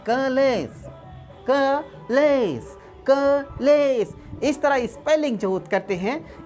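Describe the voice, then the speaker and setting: Woman, teacher, repetitive, quizzing questions, slightly high voice, faint background music. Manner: repetitive, asks rhetorical questions. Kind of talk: explaining to online students.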